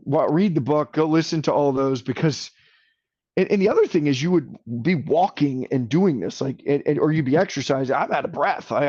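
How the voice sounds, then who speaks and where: A man's voice: a little high, darkish tone, no echo, muffled recording. A man speaking as a podcast guest in casual conversation, earnest and enthusiastic, rambling a little as he talks.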